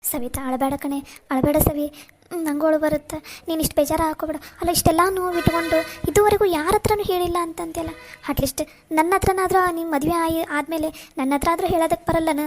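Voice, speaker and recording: A woman's voice: very high-pitched, steady tone, a little fast. A woman voicing a caring but firm young friend in a cartoon, comforting and lecturing. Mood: consoling.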